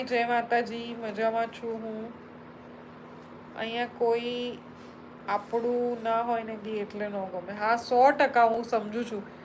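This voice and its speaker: A woman's voice: a little high, noisy background. A Gujarati woman hosting a live stream, chatting casually as she reads viewer comments aloud and answers them one by one. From Gujarat, India.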